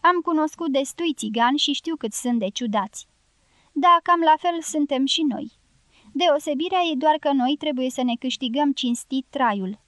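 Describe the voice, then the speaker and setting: A woman's voice: sits high, fairly bright tone, no room sound. A woman reading a skeptical young man's thoughts. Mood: musing. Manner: wry, reasoning inner monologue. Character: young American man, dry and skeptical.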